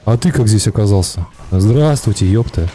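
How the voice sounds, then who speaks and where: A man's voice: on the low side, expressive, normal speed. A man giving casual gameplay commentary to teammates in a coarse, street-tough, heavily swearing manner. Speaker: gamer playing a battle royale shooter. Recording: faint background game noise. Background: video game sounds.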